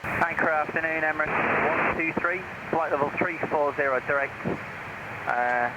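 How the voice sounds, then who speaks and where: A man, an airline pilot, making brisk, routine radio calls, heard as a radio transmission through a cockpit headset. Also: fairly high pitch. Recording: radio audio with loud engine noise.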